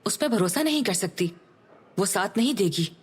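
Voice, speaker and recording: A woman's voice: mid-range voice, animated, moderate pace, breathy edge. A woman dubbing a scheming, housebound older sister who bosses her sibling in an insistent, persuasive way. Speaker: elder sister. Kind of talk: dubbed TV drama.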